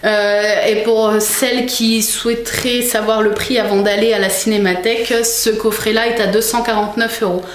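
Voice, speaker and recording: A woman's voice: mid-range voice, flat delivery, moderate pace, few pauses. A young woman chatting casually in a vlog, showing things to the camera with many fillers and restarts. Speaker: vlogger. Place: room at home. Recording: echoey room with faint noise.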